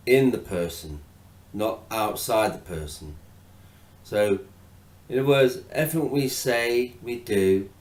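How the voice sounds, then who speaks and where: A man speaking as a hypnotherapist in a slightly low voice, taking his time and pausing often on "uh" and "um". He guides the listener gently through noticing their breath. The room around him rings with echo. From England. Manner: slow, hesitant, many pauses and fillers. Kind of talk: informal talk to camera on hypnotherapy.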